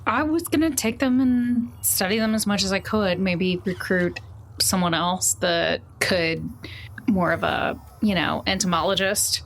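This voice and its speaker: A woman with a medium-pitched, slightly slow voice plays a tabletop roleplaying game, improvising casual in-character chat. She's loose and jokey, often chuckling, and faint background noise sits under the recording.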